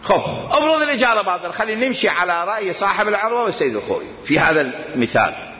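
A man's voice: high voice, very fast, a little hiss or hum. A man with an Iraqi Arabic accent teaching a jurisprudence lesson, arguing his points and firing rhetorical questions. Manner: animated, argumentative, fires rhetorical questions. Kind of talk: religious jurisprudence lecture. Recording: echoey hall, dull lo-fi sound.

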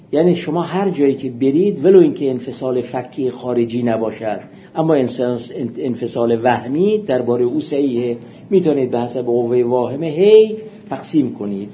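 A man giving a seminary philosophy lecture, explaining texts in a measured way and reading out quotations. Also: mid-range voice, warm tone. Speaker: philosophy teacher. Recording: muffled lo-fi recording with faint hiss.

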